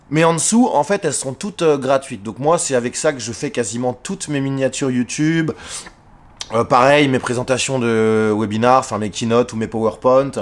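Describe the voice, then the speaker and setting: Chatty man in a face-cam tutorial. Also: medium pitch. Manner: chatty, many fillers and restarts; addresses the viewer informally. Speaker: YouTuber giving tips.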